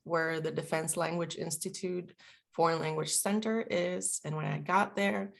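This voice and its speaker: A woman of around forty, a native Spanish speaker from Puerto Rico, appears as an interview guest; she is a veteran and a linguist. Her deep, gravelly voice stays steady at a moderate pace as she talks reflectively and casually, full of fillers.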